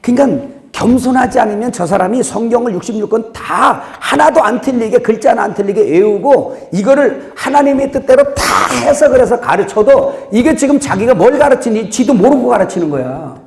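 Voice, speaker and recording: Gravelly-voiced man preaching in an echoey hall. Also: extremely high pitch, a little fast, hardly any pauses. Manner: animated preaching, sudden loud rises and quiet drops, laughs at own jokes. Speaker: pastor. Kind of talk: sermon.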